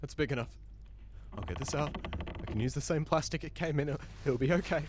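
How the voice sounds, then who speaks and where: An actor playing a soft-spoken young man whose hesitant affection turns obsessive and frantic. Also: a little high, fairly quick, noisy background, natural voice. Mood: panicked. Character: lovesick young man turning obsessive and violent. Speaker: actor in an audio drama.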